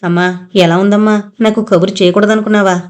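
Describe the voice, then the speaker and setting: A woman's voice: medium pitch, steady tone, quick pace, darkish tone, lightly acted. Woman doing a young married daughter, earnest, emotional, proud, audio novel.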